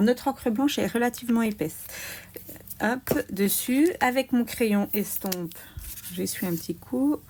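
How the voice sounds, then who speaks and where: A woman calmly explaining a card-making craft step by step, with little asides as she works. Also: medium pitch. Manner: slow, explaining each step aloud, small "hop" asides. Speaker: craft demonstrator.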